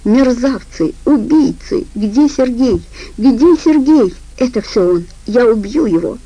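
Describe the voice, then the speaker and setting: A woman's voice: mid-range voice, normal speed, warm tone, muffled recording, natural voice. A woman voicing a desperate young female doctor, frantic and pleading, in an audiobook.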